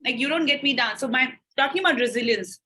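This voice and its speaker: Bright-voiced young woman telling a story animatedly. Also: quick pace, rough recording. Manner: animated, acts out quoted dialogue with shifting pitch. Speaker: podcast guest. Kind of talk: candid conversational storytelling.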